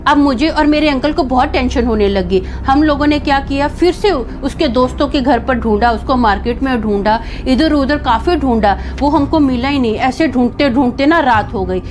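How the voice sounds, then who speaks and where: A woman's voice: high-pitched, moderate pace, few pauses, a little hiss or hum. A young woman casually telling a first-person story, acting out the lines of the people in it. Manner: chatty, acts out quoted dialogue.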